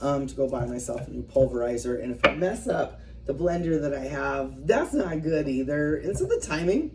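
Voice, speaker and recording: Crowd noise sits behind this distantly miked woman in her fifties, a vlogger who chats with viewers as she works by hand. She speaks low and expressively at a moderate pace, rambling, joking at her own expense, and trailing off mid-thought.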